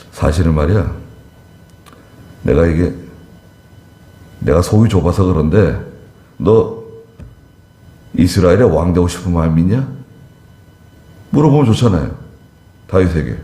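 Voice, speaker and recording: A man's voice: low-pitched, dark tone, reverberant. A male pastor preaching a conversational sermon, acting out short dialogues in a church.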